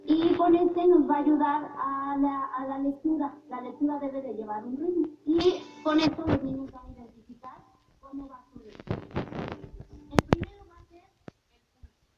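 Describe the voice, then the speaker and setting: High-voiced woman teaching rhythm, echoey. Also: normal speed, noisy background. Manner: counts beats aloud with claps. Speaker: music teacher. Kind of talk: classroom demonstration. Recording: echoey room from a distance, dull sound, music behind.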